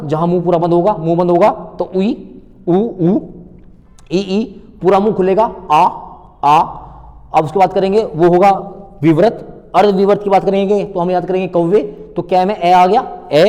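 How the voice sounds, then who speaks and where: Male tutor, high voice, drills and repeats, echoey reverberant room. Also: dark tone. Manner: repetitive, drilling sounds aloud with quick rhetorical questions. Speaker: teacher. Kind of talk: online exam-prep lecture.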